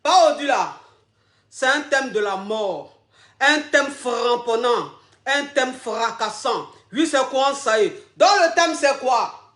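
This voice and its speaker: A high, bright woman's voice on a live stream, exuberant and teasing, drawing out her words for emphasis. She sounds a little out of breath. The echo of a roomy space hangs around every sentence. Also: takes it slowly. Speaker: online coach, live streamer. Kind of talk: casual live stream chat to viewers. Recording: echoey room.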